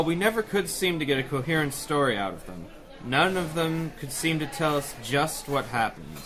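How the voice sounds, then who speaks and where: An actor performs a brisk, confident police commissioner in the manner of 1930s radio drama. His male voice is a little high and slightly bright.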